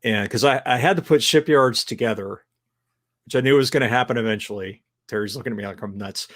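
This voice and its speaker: A novelist co-hosting a podcast chats casually about his writing, rambling, swearing and laughing often. He speaks fairly quickly at a medium pitch with a fairly bright tone.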